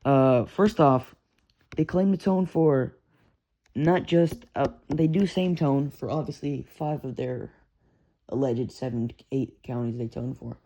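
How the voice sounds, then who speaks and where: Swearing and stumbling through fillers and restarts, a young Texan talks loosely about his radio hobby equipment. He speaks unhurriedly at medium pitch with a warm tone, recorded lo-fi with hiss behind him.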